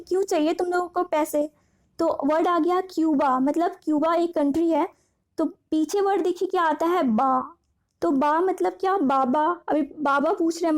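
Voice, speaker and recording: A woman's voice: sits high, darkish tone. A woman teaching memory tricks for an exam, chatty and repetitive, asking questions and answering them herself.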